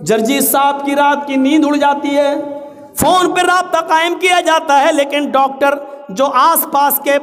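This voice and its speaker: A man's voice: extremely high pitch, fairly bright tone. A man preaching a sermon with impassioned delivery, chanting scripture verses in between. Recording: echoey hall.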